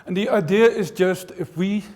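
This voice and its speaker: The professor, who grew up in the Netherlands, talks to a conference audience in a large auditorium, casual in tone and given to dry jokes and digressions. His voice sits high with a darkish tone at normal speed, and the hall adds long reverb.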